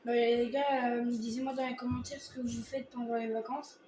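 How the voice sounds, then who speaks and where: A woman hosts a gaming video with casual chat to viewers. Her intonation is flat. The room echoes, with faint noise and game ambience behind her. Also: fairly high pitch, moderate pace. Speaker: video host, gamer.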